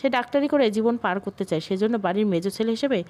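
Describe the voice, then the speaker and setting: A woman voicing a kind young sister-in-law in an audio story, gentle and reassuring. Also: mid-range voice, lively intonation, fast talker, natural voice.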